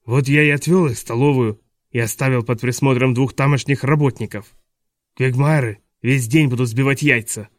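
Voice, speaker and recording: A man doing a smooth, gloating villain. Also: medium pitch, steady tone, fairly quick, dry recording, clean studio sound, close to an everyday voice. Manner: smooth and falsely polite, gloating. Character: scheming, gleeful villain posing as a teacher. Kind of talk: audiobook dialogue reading.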